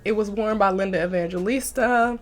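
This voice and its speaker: Brisk and medium-pitched, a young woman who's stuffed up from a mild cold talks to camera in a laid-back fashion vlog. She's chatty and eager, dropping "like" frequently.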